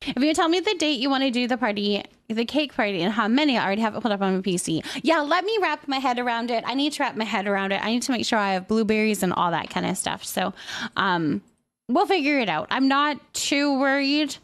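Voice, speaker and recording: Speaking quickly and expressively in a slightly high voice, a woman runs a casual livestream. She reads comments, answers them, and keeps repeating her phrases in an affirming manner.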